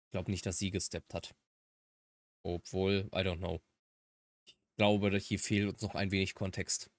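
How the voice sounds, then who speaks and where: Commenting on a game, a woman whose native language is German reads visual novel dialogue dramatically and mutters asides in between. She has a bass voice with a level tone at normal speed, recorded dry over game music.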